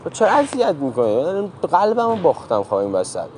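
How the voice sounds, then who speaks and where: A man's voice: on the high side, huge pitch swings, a little mellow. A young man pulling a hidden-camera prank, pestering and pleading theatrically in street chat. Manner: pushy, teasing, theatrical pleading. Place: outdoors in a busy city park. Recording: crowd noise outdoors.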